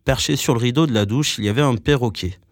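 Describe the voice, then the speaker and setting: A man narrating a story in a calm, matter-of-fact way. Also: mid-range voice, fast. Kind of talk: audiobook reading.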